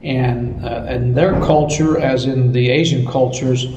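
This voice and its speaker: A man with an American accent giving halting, conversational answers in an interview as a missions director. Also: mid-range voice, fairly even intonation. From United States. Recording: roomy echo, distant mic, faint noise.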